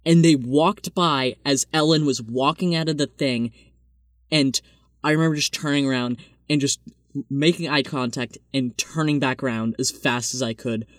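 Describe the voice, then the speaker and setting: A man's voice: medium pitch, moderate pace, dry recording, studio quality. A man co-hosting a podcast, telling self-deprecating stories in a rambling, casual way full of fillers. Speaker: podcast co-host.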